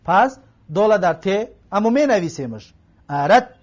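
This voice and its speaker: High-voiced man teaching Arabic. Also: very animated. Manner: repeats each phrase, translating word by word. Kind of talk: recorded Arabic grammar lesson. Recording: slightly dull lo-fi recording.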